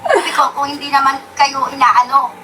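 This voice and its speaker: A woman's voice: high voice, normal speed, sharp tone, a little hiss or hum. A woman talking in a casual stream clip, scolding and questioning others.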